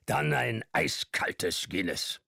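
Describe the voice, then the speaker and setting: A man voicing a very old, portly man who is bursting with energy and talks in a jovial, booming way. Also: very animated, slow, vocal fry, no room sound, studio quality, heavily acted. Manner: booming, jovial, shouting over noise.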